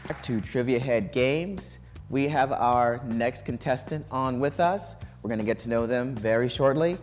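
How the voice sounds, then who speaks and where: A man hosts a live quiz show from a college studio, mid-pitched and casual. He keeps things loose, with plenty of ums and restarts. A little music sits faintly behind him. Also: moderate pace, some chatter behind. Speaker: game show host.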